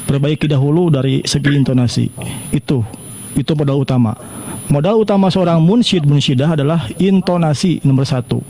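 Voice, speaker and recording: A man's voice: on the high side, a little fast, dark tone, slight background noise, rough recording. A man judging vocals in a singing contest, blunt, repeating his points for emphasis. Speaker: vocal judge. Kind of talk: critique in an online singing contest.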